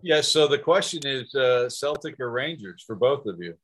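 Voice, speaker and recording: Enthusiastic guy hosting a podcast, mid-pitched voice, easygoing questions. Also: lively intonation, moderate pace, a bit bright. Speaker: podcast host. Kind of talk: casual podcast interview.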